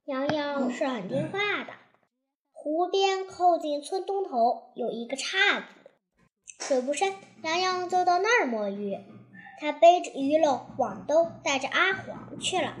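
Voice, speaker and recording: A woman narrating a children's story in a lively, expressive way. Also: sits high, unhurried.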